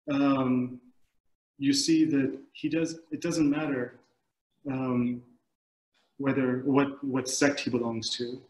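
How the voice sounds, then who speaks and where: A film director in his forties, born in Kuwait in the Middle East, appears as a guest on a video panel discussion, giving thoughtful answers in a halting manner as he searches for words. His average-pitched voice is a little mellow and comes through a computer mic on the video call from an echoey, book-lined room at home.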